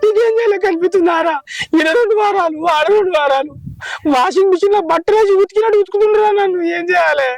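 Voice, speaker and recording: A man's voice: extremely high pitch, quick pace. Whiny lamenting man. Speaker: husband in comedy sketch. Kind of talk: scripted village comedy acting.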